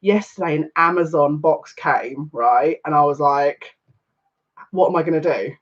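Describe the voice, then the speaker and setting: A man in his thirties, a psychic reader chatting casually on a live stream, excitable and rambling. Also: a little high, a little slow. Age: 30s. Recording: dull lo-fi stream audio.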